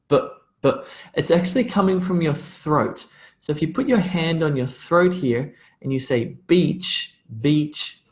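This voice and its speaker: This Australian tutor's voice is fairly high as he drills English phrases in a live online lesson, slowing each down for the learner to echo back.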